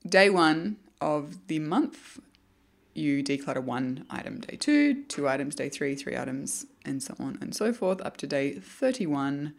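Low-voiced woman hosting a casual podcast. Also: very animated, unhurried, vocal fry. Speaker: podcast host. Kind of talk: casual chat.

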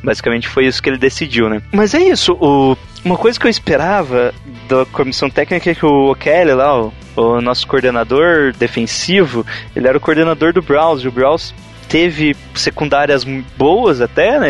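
A man with a Brazilian Portuguese accent giving casual, conversational analysis of American football. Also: on the high side. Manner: informal, conversational. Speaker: sports talk panelist. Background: music.

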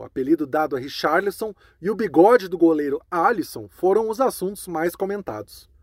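A Brazilian man presenting a scripted news roundup in a clear, conversational newsreading manner. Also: high voice, dry recording, studio quality.

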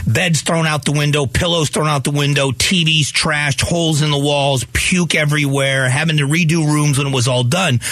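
An American man in his fifties from Florida hosts a talk radio show in a studio, delivering conversational, opinionated monologues on the news and repeating phrases for emphasis. His voice is fairly high and a bit bright with a breathy edge, and there's no room sound.

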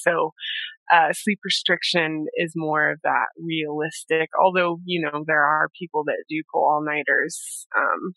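A woman sleep scientist, a guest in an interview, explaining research in a measured way with frequent pauses and "you know". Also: deep voice, fairly even intonation, bright, forceful tone, no echo, low-quality recording. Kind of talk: interview conversation.

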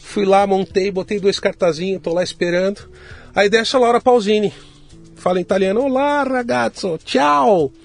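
A middle-aged man, telling his story in a casual, lively way, pitched a little higher than most men. Soft music sits faintly behind him as he talks. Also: a little fast. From Brazil. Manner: lively anecdotal, acts out quoted dialogue. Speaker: guest entrepreneur.

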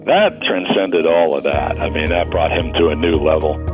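A man's voice: very deep voice, lively intonation, moderate pace, over music. A man who calls baseball games, speaking plainly in an interview with frequent hesitant fillers. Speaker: baseball broadcaster. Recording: phone-like narrow sound.

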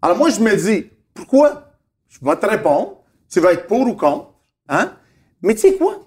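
A man's voice: high voice, huge pitch swings, moderate pace, a little mellow. A man, telling stories emphatically in a casual chat and asking rhetorical questions. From Montreal, Quebec. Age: 50s.

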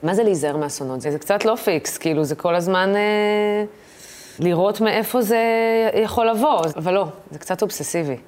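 A woman guest in a casual interview, an impressionist who tells animated stories and acts out the voices in them. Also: medium pitch.

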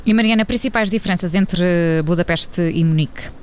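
News host, man, European Portuguese accent. Crisp, high-pitched delivery for intros and interview questions. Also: normal speed, a little mellow. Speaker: radio news podcast host. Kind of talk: presenting and interviewing.

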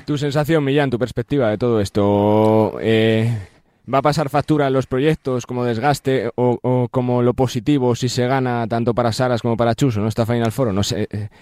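A man's voice: medium pitch, fairly even intonation, normal speed, darkish tone, no echo. A man hosting a radio sports debate. He puts questions to his guests and hands the floor on. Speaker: radio host.

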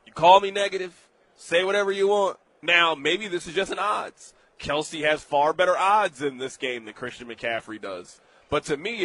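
A man's voice: high-pitched, fairly bright tone, dry recording. A young man hosting a sports betting talk show, emphatic and playful as he riffs on hypothetical scenarios.

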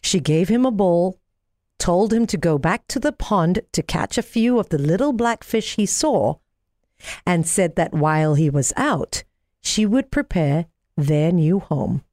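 A woman reading a bedtime story to young children as an expressive sleep story narrator. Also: fairly low pitch, unhurried, no echo, studio quality. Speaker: story reader.

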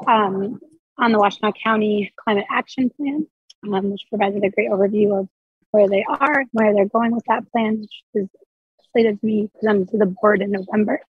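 A woman with a raspy voice, hoarse from laryngitis, giving a spoken report at a meeting as a committee member. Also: medium pitch, steady tone, moderate pace, no echo, phone-quality sound. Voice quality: raspy, husky.

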